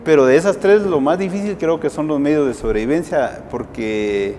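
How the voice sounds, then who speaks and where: A Guatemalan man, a civil society activist, answers interview questions as a guest in Guatemalan Spanish. His voice is a little high and darkish, at a moderate pace, and he sounds hesitant, with frequent "eh" fillers and restarts. Long reverb and faint music sit behind him.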